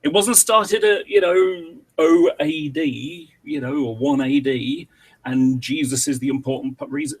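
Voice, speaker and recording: A man's voice: mid-range voice, breathy edge. A British man guesting on a podcast, chatting casually and rambling off on tangents. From Britain.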